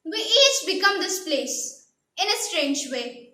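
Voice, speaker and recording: A woman's voice: extremely high pitch, very animated, takes it slowly, pushed and bright. A teenage girl student declaiming a memorised speech with prim, precise, carefully enunciated elocution. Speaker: student contestant in a declamation contest. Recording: echoey room.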